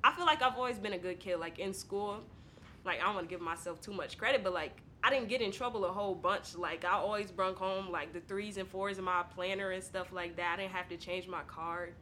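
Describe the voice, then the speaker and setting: A woman's voice: lowish voice, a little fast, sharp tone, a little hiss or hum. A young woman, chatting casually in rambling, slangy talk full of "like". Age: young adult. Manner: rambling, heavy use of like.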